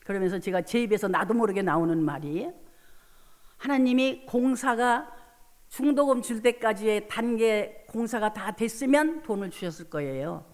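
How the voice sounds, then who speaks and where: A middle-aged woman preacher giving a revival sermon testimony, quietly retelling conversations and rising into fervent prayer. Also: mid-range voice, expressive, normal speed. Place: church sanctuary. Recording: long hall reverb.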